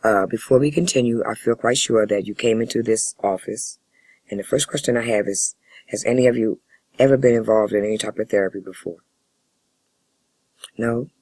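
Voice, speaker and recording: A man speaking as a family therapist in a role-play session, with a husky voice and measured, formal, wordy phrasing. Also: lowish voice, a little mellow, no room sound, rough recording. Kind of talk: spoken counseling role-play demonstration.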